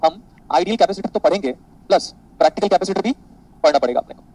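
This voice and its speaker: Man, physics teacher, rapid delivery, slightly raised pitch, faint background hiss. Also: poor audio. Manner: animated, boastful, quizzes students constantly. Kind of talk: online classroom lecture.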